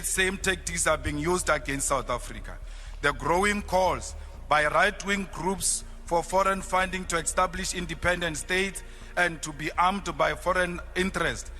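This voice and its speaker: A man making a forceful, declamatory parliamentary speech. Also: a little high, big-room sound. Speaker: politician.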